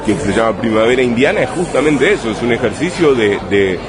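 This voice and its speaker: An animated, mid-range male voice with a Rosario Argentine Spanish accent comes from a writer from that city during a laid-back interview. He pauses and restarts as he thinks, frequently tacking on tag questions. The recording carries a crowded bar's noise, with voices and vehicles passing in the street.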